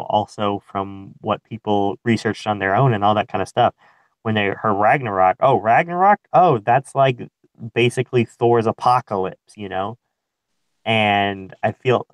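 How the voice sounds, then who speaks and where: A man's voice: lowish voice, dry recording. A young man co-hosting a casual movie podcast, speaking hesitantly with many fillers and a dry sense of humor. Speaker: podcast co-host.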